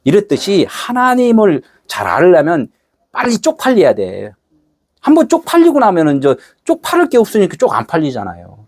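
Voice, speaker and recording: A man's voice: high-pitched, wildly swooping pitch, a little fast, hardly any pauses, a little mellow, dry recording. A middle-aged man preaching a sermon in a casual, conversational way, acting out short quoted exchanges. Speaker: pastor.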